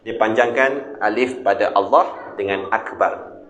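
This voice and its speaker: Lively Malaysian teacher in an echoey mosque hall. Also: male voice, on the low side, muffled recording. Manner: lively, asks listeners questions and answers them himself; demonstrates sung and drawn-out recitations. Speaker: religious teacher. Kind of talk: mosque lecture on a religious text. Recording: echoey room, faint ambience.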